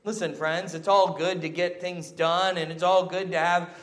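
Male preacher, high-voiced, emphatic sermon delivery, exhorting through repetition and questions. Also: level tone, moderate pace, fairly bright tone. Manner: emphatic, exhorting, with repeated short phrases and rhetorical questions.

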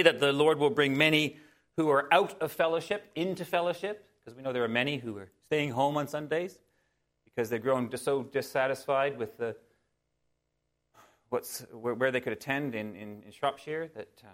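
A Canadian pastor with a mid-range, fairly bright voice preaches at a moderate pace. His sermon is conversational and folksy, full of personal anecdotes and musings addressed straight to his listeners.

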